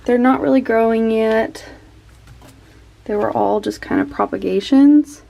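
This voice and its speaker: A woman vlogger talks casually through her plant collection. Her voice sits a bit high and she takes her time, with a self-deprecating, laughing manner. She sounds slightly out of breath. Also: measured pace, vocal fry, warm tone. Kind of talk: casual houseplant tour.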